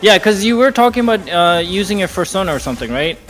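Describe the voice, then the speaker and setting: A man from Nepal, chatting casually on a live game stream, laughing easily and reacting out loud to play. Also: high-pitched, lively intonation, fast. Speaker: gaming streamer. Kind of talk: casual live-stream chat while gaming.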